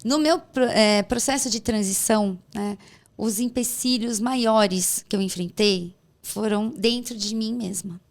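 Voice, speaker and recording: A woman's voice: medium pitch, unhurried. A woman as a podcast guest, giving casual, reflective advice in an encouraging way and checking for agreement. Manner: encouraging, seeks agreement with tag questions.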